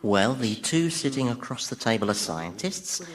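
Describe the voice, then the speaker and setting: An actor playing Satan as a sardonic, teasing, worldly devil with a chummy manner in a radio comedy drama. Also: male voice, medium pitch, big pitch swings, normal speed, noisy background, lightly acted. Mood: smug. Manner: mocking, chummy, conversational.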